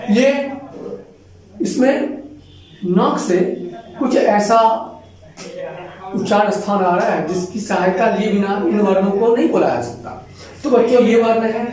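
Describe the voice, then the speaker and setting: A man's voice: sits high, a little mellow. A man teaching children, patiently explaining and sounding out letters one at a time. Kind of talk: Hindi grammar lesson for children. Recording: echoey room, voice from far off the mic.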